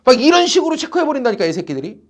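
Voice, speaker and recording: A man teaching a class at a tutoring academy, animated and teasing, with blunt slang. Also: very high voice, rapid-fire. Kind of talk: classroom lecture.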